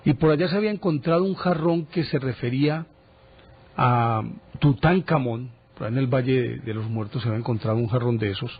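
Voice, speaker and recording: A man presenting a TV program, telling a history story casually with lively asides. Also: mid-range voice, a little fast, slightly rough. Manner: animated storyteller, chatty asides. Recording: dull broadcast audio.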